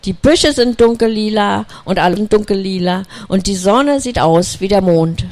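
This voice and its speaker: A storyteller voicing an impatient, excitable young female snowy owl in a children's story, with eager exclamations. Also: normal speed, natural voice. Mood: excited. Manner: eager, exclaiming, high and bright. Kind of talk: storybook reading.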